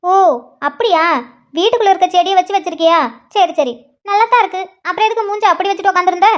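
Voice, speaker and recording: A woman's voice: very high-pitched, fast talker. A woman voicing a preachy village mother who scolds her grown daughter. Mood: nagging. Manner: nagging, preachy.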